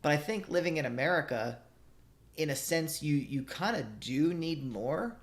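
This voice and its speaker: A man's voice: fairly high pitch, lively intonation, normal speed. A man in a casual conversation, hesitant and restarting often as he thinks aloud.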